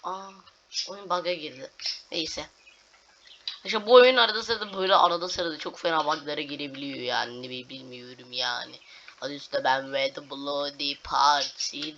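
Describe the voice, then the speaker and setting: A man's voice: fairly high pitch, fairly even intonation, moderate pace. A young man giving casual gameplay commentary, narrating each move to viewers and swearing at glitches. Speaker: gaming video host. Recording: dull lo-fi home recording with clear noise.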